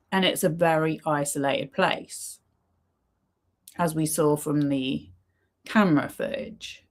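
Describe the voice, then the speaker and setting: A woman's voice: on the low side, a little mellow. A woman streamer giving casual reaction commentary, chatty and full of ums as she retells events. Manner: chatty, many ums, retells with quoted lines.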